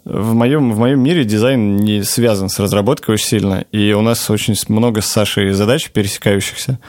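A man with a low voice answers in a casual interview. He explains things like a team lead, softening his points with hedges. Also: steady tone, brisk. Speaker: design lead being interviewed.

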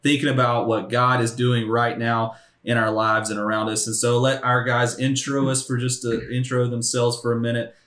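A man's voice: mid-range voice, flat delivery, normal speed, fairly bright tone. A man hosting a church podcast, speaking in an upbeat, encouraging way as he leads the conversation. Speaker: podcast host, ministry leader. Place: church room, around a table. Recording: echoey room.

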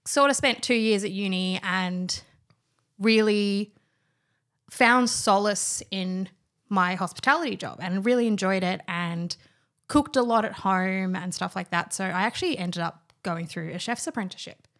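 A young woman, a wine trainer, appears as a guest in a casual chat about her work. Her voice is medium-pitched and a bit bright at a moderate pace, and she uses plenty of fillers and restarts.

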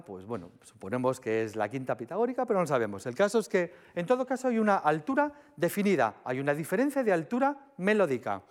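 A man giving a public lecture on Greek philology in a chatty, animated way, talking straight to the audience. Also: a little high. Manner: animated, chatty, sings short demo syllables.

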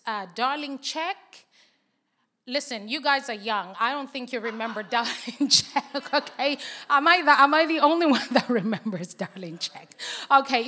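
A young Zambian woman, not a native English speaker, preaches a sermon in a large conference hall, her rather high voice pushed and bright. As a conference speaker, she mixes the message with casual asides, bantering and laughing with the audience.

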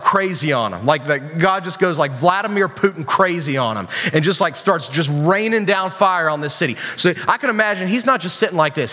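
A man giving a casual, playful sermon to a youth group, acting out voices as he talks. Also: high-pitched. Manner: animated, playful, acts out voices. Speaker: youth pastor. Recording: long hall reverb.

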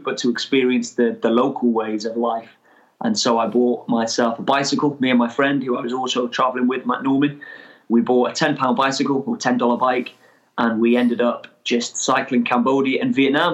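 Energetic Welsh man in his twenties. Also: mid-range voice, dull audio. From North Wales. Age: 20s. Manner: energetic, chatty, laughs easily. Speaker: guest, explorer. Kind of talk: casual interview chat.

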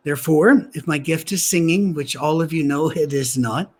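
Here a pastor delivers a sermon at a soundstage church gathering, talking at normal speed in a fairly high, soft and gentle voice. He keeps the tone conversational and slips in dry humorous remarks.

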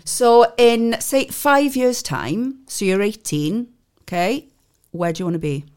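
A woman's voice: a little high, expressive, unhurried, a little mellow, clear, resonant tone. A woman, a youth theatre tutor chatting with and coaxing young members in a casual interview.

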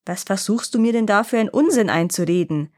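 A woman voicing a vain, greedy rich landowner who is quick to anger and later pleads sweetly. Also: medium pitch, lively intonation, a little mellow, dry recording, studio quality. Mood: haughty. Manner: haughty, then honey-sweet and pleading.

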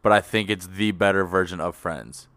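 A man's voice: low voice, moderate pace, fairly bright tone. A man co-hosting a casual podcast, talking in a laid-back, rambling way. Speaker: podcast co-host.

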